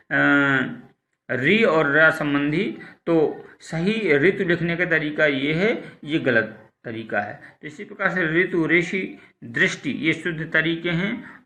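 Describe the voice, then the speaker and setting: A male school teacher gives a recorded class lesson with a very bright, ringing voice pitched a little high. He speaks slowly and deliberately, repeating words and setting wrong forms against correct ones.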